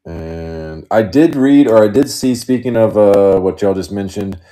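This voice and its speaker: Low, mellow-voiced man hosting card breaks. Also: unhurried. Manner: rambling, joking, laughs often. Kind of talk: casual live stream chat.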